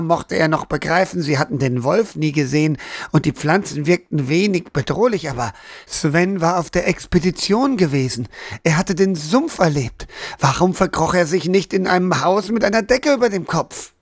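A man reading an audiobook aloud as narrator, in a steady, even storytelling manner. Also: a little high, moderate pace, no room sound, studio quality. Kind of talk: scripted narration.

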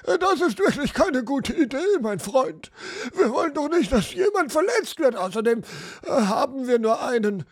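A man's voice: very high voice, big pitch swings, normal speed, no echo, studio quality, voice pushed up, exaggerated voice. A man reading an audiobook, voicing a panicky older fairground showman who pleads in a hectic, flustered way. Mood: alarmed.

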